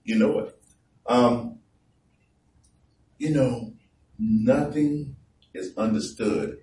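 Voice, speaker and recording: A man preaching a conversational sermon, reading scripture slowly and with emphasis. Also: mid-range voice, dark tone. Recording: echoey room from far off.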